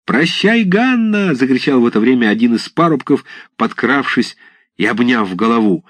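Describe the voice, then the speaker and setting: A man narrating a classic story aloud with expressive storytelling. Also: mid-range voice, brisk, no room sound. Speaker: reader.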